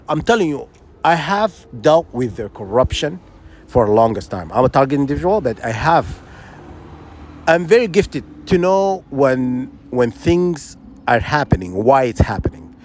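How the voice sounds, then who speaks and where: Insistent man, lively pitch. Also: a little hiss or hum. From Sudan. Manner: insistent, rambling, many restarts and rhetorical questions. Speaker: vlogger. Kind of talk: unscripted opinion monologue.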